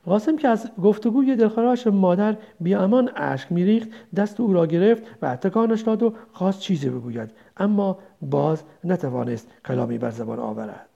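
Gravelly woman narrating a story. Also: mid-range voice, animated, hardly any pauses, mellow, muffled recording.

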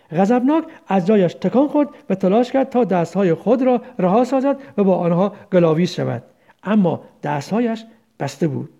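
A man narrating a story aloud in a steady reading manner, with occasional slips. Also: high voice, vocal fry, highs cut off.

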